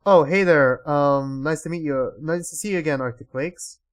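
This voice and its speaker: During casual live gameplay commentary, a weary young adult man with a slightly sore throat rambles, uses many fillers, and reads the game's dialogue out loud. He speaks at normal speed in a voice on the high side.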